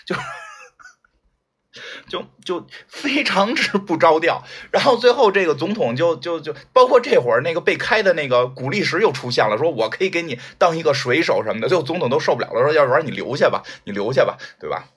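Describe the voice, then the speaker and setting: A man's voice: a little high, animated, brisk, fairly bright tone, slightly rough. A man hosting a livestream, chatting casually and retelling a story, acting out the characters' lines with lots of fillers. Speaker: livestream host.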